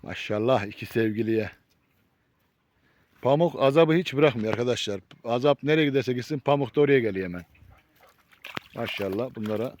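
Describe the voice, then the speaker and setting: A man with an average-pitched voice films his dogs outdoors, handheld. He talks casually to his viewers and keeps breaking off to dote on the animals with pet names. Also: normal speed, long pauses, darkish tone, no echo. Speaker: vlogger filming his dogs on a nature walk. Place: outdoors in nature.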